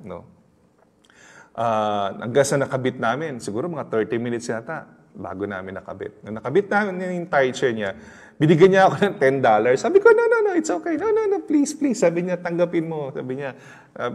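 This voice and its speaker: Man, Filipino accent, pastor, storytelling sermon, mid pitch, hall reverb. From Philippines. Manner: mixes English into Tagalog, chatty storytelling with laughs and audience questions.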